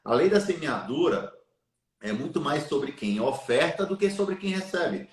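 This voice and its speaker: A man's voice: a little high, very animated, a little slow, roomy sound. A man telling a long personal story in a live chat, drawing a lesson about giving and faith in an earnest, preachy way. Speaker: live stream guest.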